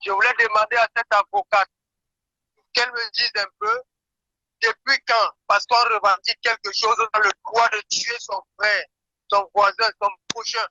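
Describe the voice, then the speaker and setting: Caller on speakerphone: very high-pitched man, indignant and accusing, dull phone sound. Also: expressive, moderate pace, pushed and bright, no echo. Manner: indignant, accusing, repeats words. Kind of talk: call-in question to a guest.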